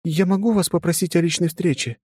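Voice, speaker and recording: A man voicing a nervous, polite young woman in a hesitant, gentle way. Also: high-pitched, steady tone, brisk, breathy edge, no room sound, studio quality, pitched above the performer's own voice.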